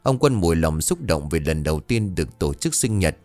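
Lively low-voiced male storyteller. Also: fairly quick, soft background music. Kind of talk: scripted story narration.

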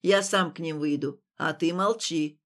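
A woman's voice: low-pitched, measured pace, fairly bright tone, pitched below the performer's own voice. A woman voicing a stern grumbling old man. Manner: commanding, grumbling.

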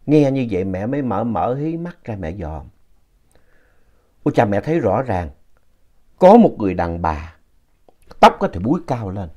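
A man narrating a ghost story in a slow, retelling manner. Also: lowish voice, a little mellow.

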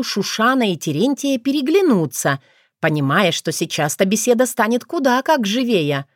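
A woman narrating a fantasy story in an expressive audiobook reading. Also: medium pitch, no echo, studio quality.

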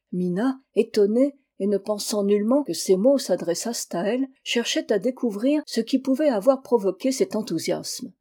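Woman, audiobook narration, classic novel, mellow warm voice, medium pitch, voices the dialogue. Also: slightly rough. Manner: acts out dialogue, raising her voice for the young wife and lowering it for the husband. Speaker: audiobook reader.

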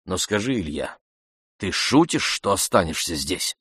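Man doing an insistent, forceful friend. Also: low-pitched, big pitch swings, measured pace, husky, no echo, clean studio sound, full character voice. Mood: urging. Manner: emphatic, urging, loud.

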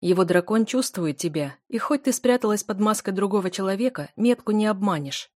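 Woman reading as a calm self-assured man. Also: medium pitch, fairly quick, no echo, studio quality, natural voice. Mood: steady. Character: steady self-assured man, orphanage owner.

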